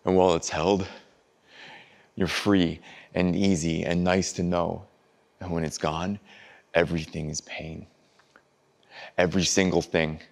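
A man playing a brooding heartbroken lover, deep and gravelly. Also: level tone. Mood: anguished. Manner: slow, pausing, drops to near whispers. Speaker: actor. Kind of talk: stage monologue.

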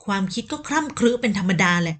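A woman's voice: mid-range voice, animated, quick pace, fairly bright tone. A woman playing an insolent spoiled rich young man. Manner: insolent, careless. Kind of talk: audiobook character voice.

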